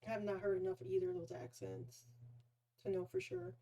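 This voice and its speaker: A woman's voice: medium pitch, very animated, a little fast, mellow, slightly rough. A woman streamer thinking aloud as she plays a game, musing and trailing off mid-thought in a casual way. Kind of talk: casual live gameplay commentary. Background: game music.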